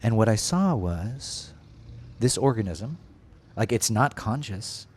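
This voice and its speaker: A man's voice: lowish voice, expressive, slow, a little mellow, slight background noise. A man as a podcast guest in casual conversation, talking openly and reflectively with many filler words.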